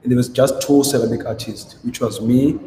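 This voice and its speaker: A South African ceramic artist tells his story in a conversational interview, hesitating and restarting often. His mid-range voice is dark in tone, brisk, and fairly even in intonation. He's on a video call from an indoor gallery showroom, and the audio has a roomy echo with faint noise.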